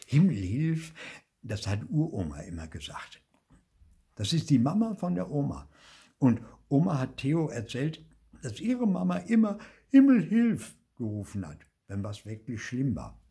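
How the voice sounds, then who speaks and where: An older man reading a children's story aloud, expressive and animated, dropping into soft murmured asides. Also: medium pitch, breathy edge.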